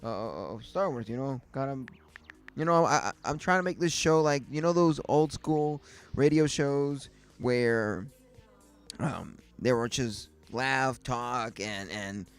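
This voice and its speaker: A man with a smooth, mid-range voice rambles slowly through a casual livestream chat as host, full of fillers and restarts. Faint music plays in the background.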